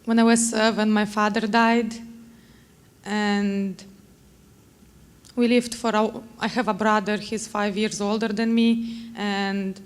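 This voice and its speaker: A young woman from Moldova giving a halting, earnest personal testimony in church. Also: medium pitch, flat delivery, smooth. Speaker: testimony speaker.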